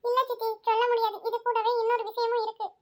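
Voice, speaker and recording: A woman voicing a frank, defensive young college student who talks rapidly and insistently in an audio story. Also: extremely high pitch, monotone. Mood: pleading.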